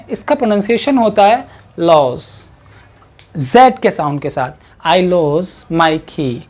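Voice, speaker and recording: A woman teaching English pronunciation in Hindi, slowly drawing out the English example sentences and repeating key words. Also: mid-range voice, a little mellow. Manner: slow, drawn-out model sentences in English. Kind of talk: pronunciation lesson.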